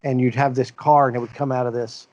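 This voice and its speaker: On a casual podcast, a male co-host spins long, loose stories in a fast, level, medium-pitched voice with a darkish tone. The dull lo-fi mic gives the chat a muffled quality.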